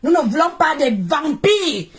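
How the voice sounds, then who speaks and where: Really high-pitched woman from cameroon, live streaming, chants and shouts praise over and over. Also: big pitch swings, unhurried. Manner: chanting, repetitive, exclamatory praise. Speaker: social media live streamer. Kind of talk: live stream hype and commentary.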